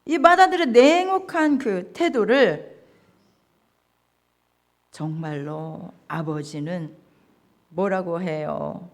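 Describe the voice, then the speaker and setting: A woman's voice: lowish voice, expressive, slow pace, pauses often. A woman pastor preaching a sermon, acting out dialogue and putting questions to the congregation.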